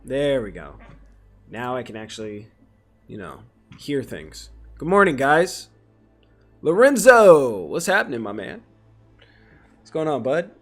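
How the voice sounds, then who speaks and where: A man's voice: mid-range voice, very animated, unhurried, long pauses, soft background music. A man chatting casually on a livestream, greeting viewers by name and muttering to himself as he sets things up at home.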